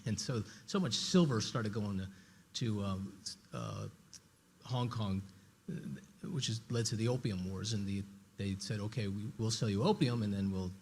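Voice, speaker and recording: A man moderating a conference panel, asking lively, animated questions. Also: on the low side, a little hiss or hum. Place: large conference hall.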